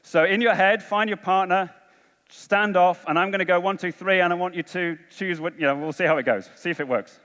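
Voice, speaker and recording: A man's voice: high voice, fairly even intonation, brisk, fairly bright tone. A man giving a conference talk, coaxing and rallying a large audience through a game. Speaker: conference speaker. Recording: long hall reverb.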